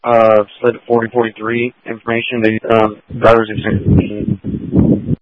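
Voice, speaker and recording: A man calls in on police radio with a flat, even pitch. He is terse and halting, and the radio sound is dull and dry. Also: no room sound. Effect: radio transmission. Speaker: field unit calling dispatch.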